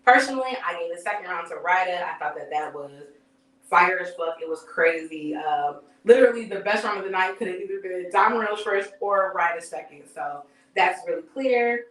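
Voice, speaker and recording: A channel host gives a casual live-stream recap of battle rap events in a lowish, animated, somewhat bright voice at a brisk clip. Her talk is loose, profane and conversational, dotted with fillers and sighs. She sounds off-mic and distant in an echoey room.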